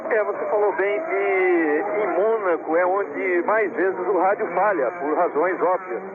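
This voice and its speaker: Brazilian male race co-commentator, explanatory, high and brisk, phone-thin broadcast sound under loud engine noise. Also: narrow, tinny audio. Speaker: motorsport co-commentator. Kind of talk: live race analysis commentary.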